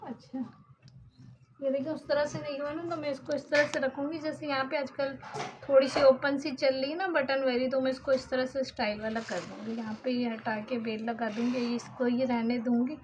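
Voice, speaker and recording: A woman's voice: high voice, fairly even intonation, normal speed, noisy background. A middle-aged woman explaining a sewing cut step by step in a casual tutorial, often checking in with her listener. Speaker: sewing instructor. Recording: dull lo-fi sound.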